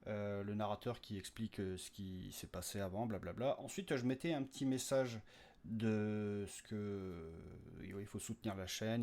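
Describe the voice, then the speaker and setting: With a low, darkish voice, a podcast creator gives his listeners a casual, off-the-cuff update on his own show. He rambles, jokes around and uses plenty of slang.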